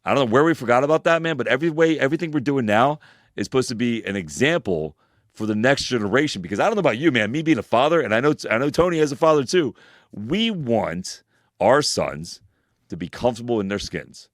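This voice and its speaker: A man's voice: expressive, fast talker, dry recording, studio quality. A man, co-hosting a casual podcast chat and speaking emphatically, with heavy swearing and a preachy tone. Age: 40s. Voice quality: deep voice. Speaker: podcast co-host.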